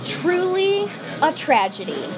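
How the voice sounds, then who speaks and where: A woman's voice: extremely high pitch, wildly swooping pitch, highs cut off. Playful young woman co-host. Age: young adult. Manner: playful, slow and thoughtful. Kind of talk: casual food review vlog. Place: indoor restaurant with wooden wall. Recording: loud background music.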